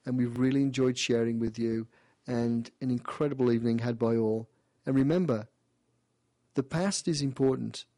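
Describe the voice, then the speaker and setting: On his call-in radio program, a medium-pitched male host offers a caller a lively, playful reading of a past life, frequently restarting and repeating himself. There is no room sound.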